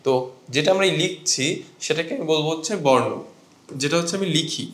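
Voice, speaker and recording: A man's voice: a little high, fairly quick, fairly bright tone, reverberant. A man teaching a grammar lesson to students, explaining step by step and asking them questions. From Bangladesh.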